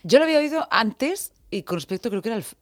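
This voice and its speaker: A woman's voice: fairly high pitch, very animated, quick pace, dry recording, clean studio sound. A woman co-hosting a radio show, asking curious questions and chiming in with agreement. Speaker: radio co-host. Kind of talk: casual radio chat.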